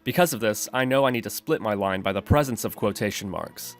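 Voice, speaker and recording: With background music playing, a tutorial host narrates a screencast, walking through each step methodically. He has a fairly low-pitched voice and talks fairly quickly.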